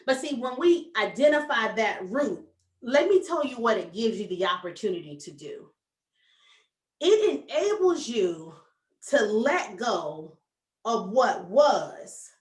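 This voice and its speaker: A woman success coach giving a motivational talk, animated and folksy, addressing the audience directly. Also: fairly high pitch, far from the mic. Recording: echoey room, voice from off mic.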